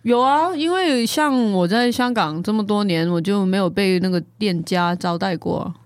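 Podcast guest, woman, Hong Kong accent, mid pitch, dry close sound. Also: normal speed, no room sound. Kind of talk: casual chat.

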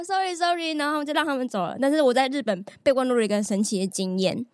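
A young woman with a Taiwanese Mandarin accent chats on a podcast, rattling off an animated story at a quick clip and laughing as she goes. Her voice sits a little high and sounds close and dry, with no room around it. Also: clear, resonant tone, no room sound. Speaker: podcast co-host. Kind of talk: casual chat.

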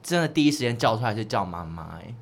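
A woman co-hosting a casual podcast, her voice pitched unusually low. Her intonation rises and falls widely as she teases her friends. She laughs easily and keeps the banter moving. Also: quick pace. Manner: animated, laughs often, teasing. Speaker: podcast co-host. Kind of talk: casual chat.

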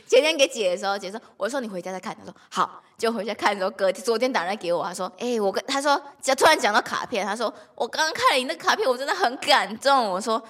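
Woman, Korean native speaker, podcast co-host, animated storyteller, high voice, very fast. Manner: animated storytelling, bursts of laughter. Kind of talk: casual chat.

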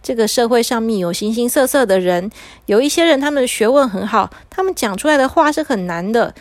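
A woman voicing a calm magician who lectures a boy. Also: fairly high pitch, a little fast, dry recording, lightly acted. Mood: lecturing. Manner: preachy, lecturing.

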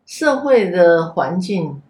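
A woman, an after-school center director, telling a story gently and vividly in a casual podcast chat. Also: lowish voice, sing-song, slow. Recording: echoey room.

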